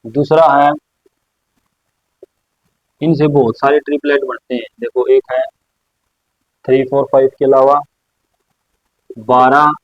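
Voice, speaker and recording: A man teaching a maths lesson at a board, explaining slowly and repeating his own questions for the class. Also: mid-range voice, flat delivery, no room sound. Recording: dry, slightly dull lo-fi sound.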